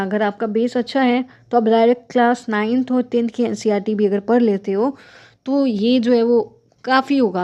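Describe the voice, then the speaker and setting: A woman's voice: on the high side, warm tone, muffled recording. A young woman teaching exam preparation in a casual, direct manner, advising viewers and addressing them as friends. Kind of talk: casual explanatory lesson.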